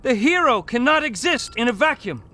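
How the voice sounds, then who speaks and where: A man's voice: very high voice, very animated, normal speed, sharp tone, soft background music, full character voice. A man in a film scene, lecturing emphatically about what a story needs.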